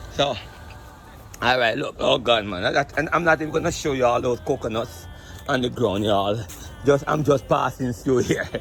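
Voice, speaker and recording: A man from Jamaica with a Jamaican accent, giving an excited walking-tour vlog outdoors among fruit trees. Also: mid-range voice, vocal fry. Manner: exclamatory, excited, keeps repeating "look at this". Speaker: vlogger.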